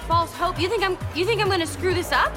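A frustrated young woman in a television drama. Her high voice stands its ground over loud music. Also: fast. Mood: defensive, hurt.

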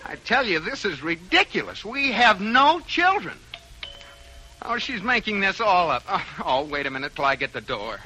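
An actor playing a flustered, exasperated husband in a 1940s radio comedy. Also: male voice, high-pitched, very animated, normal speed, sharp tone, husky, exaggerated voice, low-quality recording. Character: flustered middle-aged husband. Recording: old radio broadcast with faint hiss.

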